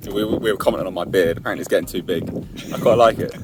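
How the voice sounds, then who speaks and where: A man's voice: deep voice, rapid-fire, music in the background, low-quality recording. An English man hosting a car channel, chatting and joking casually with a friend while filming. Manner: animated, joking, teasing. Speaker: channel host.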